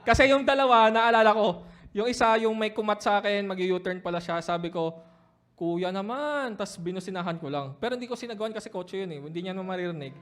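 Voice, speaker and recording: A high-voiced male pastor tells a personal story in a sermon at a fast pace. He moves between hushed reflection and loud, laughing retelling.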